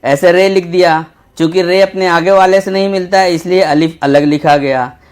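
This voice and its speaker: A man teaching a children's Urdu lesson, patient and slow, repeating each letter as he writes. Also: sits high, steady tone. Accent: Indian Urdu. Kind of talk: textbook lesson for young children.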